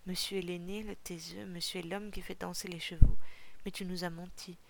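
A woman reading out a hot-tempered younger brother in a storybook. He talks sarcastically and throws blame, his voice low and gravelly. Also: level tone, fairly quick, slight background noise. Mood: accusing. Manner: sarcastic, accusing.

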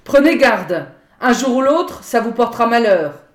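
Un homme austère qui interroge sans détour, prêté par une lectrice. Il met en garde avec fermeté, sur un ton grave et mesuré. La prise de son est très réverbérée. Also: female voice, sits high, expressive, measured pace, darkish tone. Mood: stern. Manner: firm, admonishing. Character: stern adult man, blunt and questioning. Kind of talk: audiobook reading. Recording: roomy echo.

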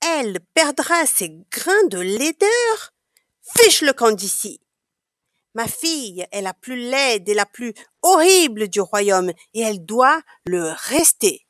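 A woman's voice: a little high, sing-song, takes it slowly, no room sound, clean studio sound. A woman voicing a furious, proud witch queen who shrieks and scolds.

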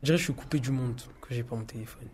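A man's voice: medium pitch, racing, darkish tone, slight background noise. A teenage boy speaking in a hesitant, listing way. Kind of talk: spoken testimony.

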